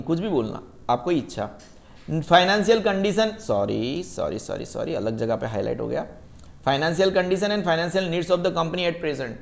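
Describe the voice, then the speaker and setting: A man teaching a class, reading English terms out slowly and checking that his students follow, calling them beta. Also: on the high side, gravelly, lo-fi sound. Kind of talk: class lecture.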